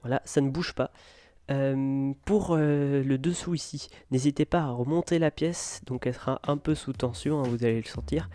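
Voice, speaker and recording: A man guiding viewers through a building tutorial in a relaxed, hesitant way, with many fillers. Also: medium pitch, moderate pace, no echo, faint music behind. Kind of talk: casual step-by-step tutorial.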